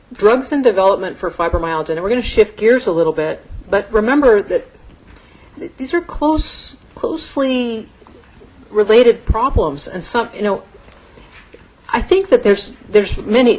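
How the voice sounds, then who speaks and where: A woman's voice: mid-range voice, animated, moderate pace, rough recording. A middle-aged woman physician giving a conversational medical lecture to an audience, explaining in a plain, easygoing way. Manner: explanatory, conversational, occasional restarts.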